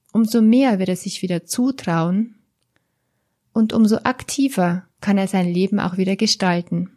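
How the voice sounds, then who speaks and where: A woman therapist talks to the listener in an unhurried, measured way. Her voice sits in an ordinary middle pitch. She sounds calm and gentle and addresses the listener directly. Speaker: therapist or coach. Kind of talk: slow, guiding talk to the listener.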